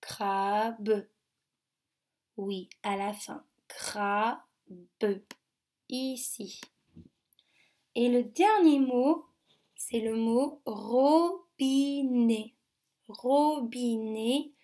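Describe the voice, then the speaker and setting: Slow-spoken teacher sounding out syllables. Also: female voice, fairly high pitch, a little mellow. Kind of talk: remote phonics lesson for young children.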